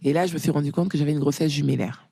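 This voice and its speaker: Gravelly-voiced woman telling her story. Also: sits low, racing, slight background noise. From France. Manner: lively storyteller, rising when quoting others. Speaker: guest. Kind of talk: casual interview talk.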